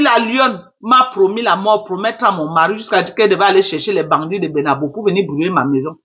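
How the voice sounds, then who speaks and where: A woman's voice: medium pitch, sharp tone. A woman hosting a Facebook live, taunting and scolding in a repetitive, mocking commentary. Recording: muffled lo-fi live stream.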